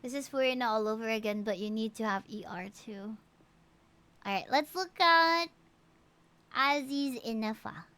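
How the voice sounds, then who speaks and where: Speaking at normal speed in a voice on the high side, a woman streams a game live and reviews players' characters. She reads the stats in a lively way and chats casually with her audience, dropping frequent exclamations and asides.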